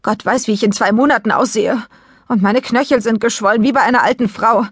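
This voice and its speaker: A woman voicing a hot-tempered, heavily pregnant mother who bursts out loudly in exasperation, in an audiobook. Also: fairly high pitch, a little fast, breathy edge, dry recording, clean studio sound, voice pushed up. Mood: exasperated. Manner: loud, exasperated outbursts. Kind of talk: audiobook character voice.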